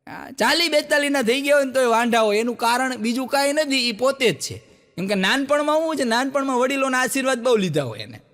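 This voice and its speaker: A man performs live stand-up, spinning folksy village jokes. His voice sits high, and he trades quoted lines between characters in rapid dialogue. A long reverb hangs behind him on the stage. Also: a bit bright. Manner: folksy storyteller acting out villagers' lines in quick quoted exchanges. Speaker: stand-up comedian telling jokes. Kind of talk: live stand-up joke telling. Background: audience laughter.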